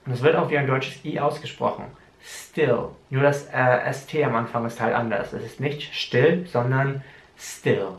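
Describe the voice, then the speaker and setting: A man teaching English vocabulary, saying each word slowly and explaining its spelling and sounds. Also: mid-range voice, steady tone, reverberant. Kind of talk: vocabulary lesson with pronunciation drills.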